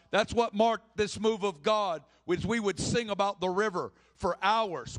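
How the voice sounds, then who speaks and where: With a high, slightly bright voice, a man preaches passionately, giving voice to the characters in the story he relates during his sermon.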